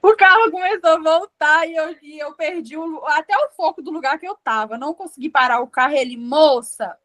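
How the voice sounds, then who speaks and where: A woman's voice: high-pitched, brisk, fairly bright tone. A woman with a Minas Gerais Brazilian accent telling an emotional personal story, acting out the dialogue as she goes. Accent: Brazilian Portuguese, Minas Gerais. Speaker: student giving a testimonial.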